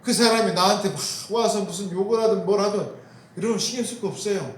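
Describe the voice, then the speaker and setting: Male pastor, high voice, rhetorical questions, repeats key words, echoey church room. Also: quick pace, slight background noise. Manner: asks the congregation questions and answers them himself; repeats key phrases for emphasis. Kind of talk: sermon. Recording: roomy echo.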